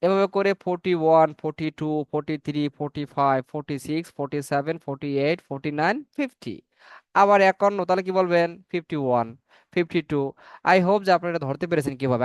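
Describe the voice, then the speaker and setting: A man teaching a spoken English class, repeating each number slowly so learners can say it after him. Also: fairly high pitch, clear, resonant tone, dry recording.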